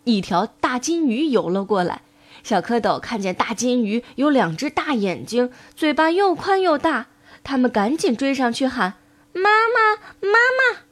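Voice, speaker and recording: A woman reading a children's storybook aloud in a gentle, expressive way. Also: fairly high pitch, normal speed.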